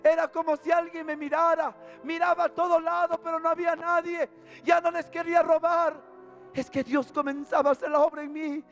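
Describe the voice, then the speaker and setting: High-voiced man preaching fervently. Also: little pitch movement, a little fast. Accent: Peruvian Spanish. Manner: fervent, emotional preaching with repeated phrases. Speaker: preacher giving a testimony. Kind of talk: testimony sermon. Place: church service.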